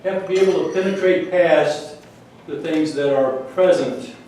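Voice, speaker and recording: A man's voice: a little high, moderate pace, a little hiss or hum. Man giving a speech in an echoey hall. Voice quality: loud, powerful voice. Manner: rhetorical questions to the audience. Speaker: speaker. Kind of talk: speech to a club audience. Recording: echoey room, from far off.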